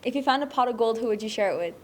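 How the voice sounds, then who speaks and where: A young woman asking quick questions in casual street interviews as a student reporter. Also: on the high side, expressive, a little hiss or hum, low-quality recording.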